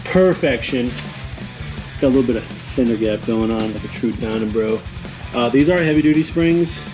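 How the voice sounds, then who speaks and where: A man's voice: mid-range voice, fairly quick, over music. A man giving casual how-to narration as he works, with a tongue-in-cheek, wry way of talking. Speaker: host of a DIY motorcycle garage video.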